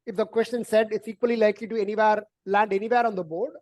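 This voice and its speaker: Woman teaching math class, medium pitch, talks it through casually, says right? after stuff, repeats words. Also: steady tone, quick pace, darkish tone. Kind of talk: online algebra lesson, explaining.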